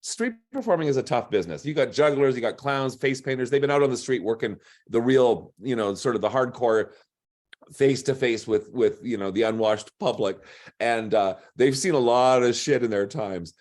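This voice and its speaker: Brief: gruff male drag performer reading a comic personal story, wry timing, middle pitch. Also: expressive, normal speed, a little mellow. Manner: wry, punchline-driven delivery.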